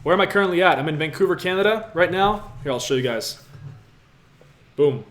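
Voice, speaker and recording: A fairly quick, expressive man's voice, pitched a little high with a fairly bright tone. He's a Latvian man in his twenties hosting a casual livestream Q&A from an apartment room with a city view, speaking straight to viewers in an upbeat, motivational way.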